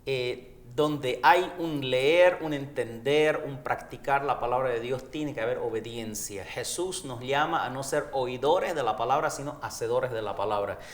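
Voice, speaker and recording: A man's voice: mid-range voice, unhurried, few pauses. A man leading a church Bible study, explaining with practical advice and humorous examples. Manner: affirming, humorous storytelling. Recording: echoey room.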